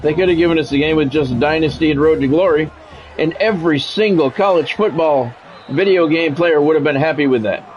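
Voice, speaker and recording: A man with a slightly high voice livestreams a game, talking fairly quickly as he blends casual, opinionated chat with sports play-by-play commentary. The audio is dull and lo-fi, with music playing behind him.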